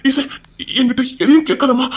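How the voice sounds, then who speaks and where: A man's voice: extremely high pitch, steady tone, fairly quick, slightly rough. A man voicing a fond, protective father who is troubled by headaches and lost memories. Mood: tender protective. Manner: fond and protective, speaking with strain. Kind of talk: Tamil audio drama acting.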